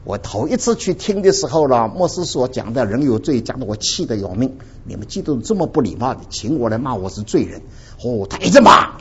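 Husky man preaching with lively pitch. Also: brisk. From Dinghai, Ningbo area, China. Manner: animated storytelling, addresses the congregation directly. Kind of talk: sermon with personal testimony. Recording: dull lo-fi recording.

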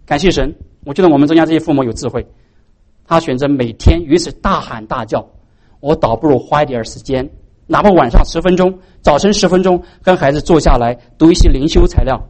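A man's voice: on the high side, fairly quick, darkish tone. A man preaching a sermon as pastor, posing rhetorical questions to the congregation.

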